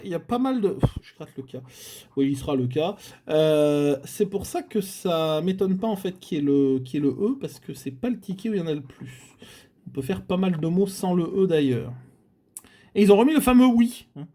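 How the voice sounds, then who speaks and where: A man from France runs his own scratch-card channel, commenting casually as he scratches tickets, muttering, repeating letters aloud and using lots of filler sounds. He has a high, warm voice.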